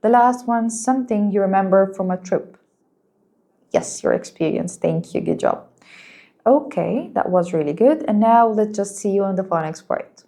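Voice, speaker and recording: A woman whose first language is Arabic teaching an English lesson, speaking slowly and clearly and praising her students. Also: medium pitch, lively intonation, warm tone. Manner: patient, encouraging, slow and clear, explains in Arabic too.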